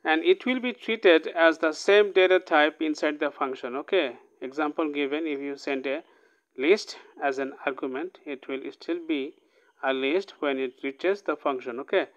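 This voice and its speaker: In a casual screen-recorded coding lesson, a male programming tutor reads code aloud line by line, often checking in with "okay?". His voice is fairly high-pitched and moderately paced, and the audio is lo-fi.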